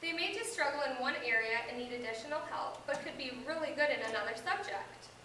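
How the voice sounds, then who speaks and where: Speaking fast and forcefully, this young adult American woman has a high, expressive, bright voice as she plays a patient reading teacher in an amateur reader's theater piece. Her delivery is scripted and instructive, captured from a distant mic in an echoey indoor room with background hiss.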